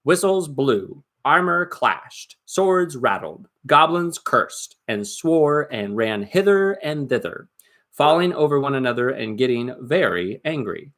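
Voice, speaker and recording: A storybook reader narrates a tale aloud with dramatic, expressive delivery, building suspense and placing deliberate emphasis on words. His pitch sits in the medium range.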